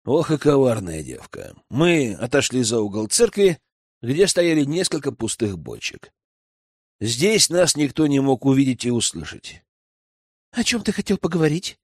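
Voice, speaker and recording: A man's voice: medium pitch, big pitch swings, a little slow, no room sound. A man reading a first-person audiobook with wry, ironic asides, close to the mic. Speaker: audiobook narrator.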